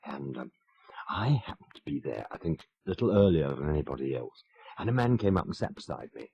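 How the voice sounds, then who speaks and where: A man's voice: extremely low pitch, sing-song, fairly quick, gravelly, darkish tone, breathy edge, no room sound. A man in his fifties telling wry, self-mocking stories as a radio presenter, chuckling as he goes. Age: 50s. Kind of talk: anecdotal radio chat. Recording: muffled old radio broadcast.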